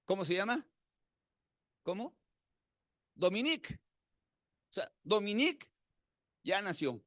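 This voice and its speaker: A man's voice: sits high, big pitch swings, slow pace, fairly bright tone, no room sound, clean studio sound. A male pastor with a Mexican Spanish accent, preaching a sermon in a conversational way and putting questions to the congregation.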